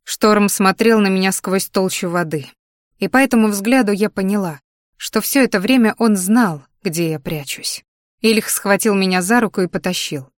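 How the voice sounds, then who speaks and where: A woman reading a first-person fantasy audiobook in an expressive, dramatic way. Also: mid-range voice, normal speed, no echo, clean studio sound. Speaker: audiobook narrator.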